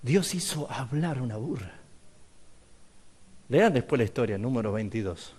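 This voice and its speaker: A man's voice: medium pitch, animated, moderate pace, darkish tone, husky, in a large hall. A man with an Argentine accent, a pastor teaching a seminary class in sermon style, retelling Bible stories with acted-out dialogue and questions to his listeners. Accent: Argentine Spanish. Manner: storytelling, acting out dialogue, asks the audience questions.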